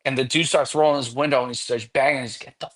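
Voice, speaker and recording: A man's voice: mid-range voice, steady tone, fast, fairly bright tone. A man guesting on a podcast, telling a long story casually and animatedly, with frequent swearing.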